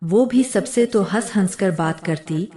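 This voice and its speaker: Woman, storyteller, emotional scripted narration, very slow, dark mellow voice. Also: medium pitch. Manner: slow, measured and heartfelt.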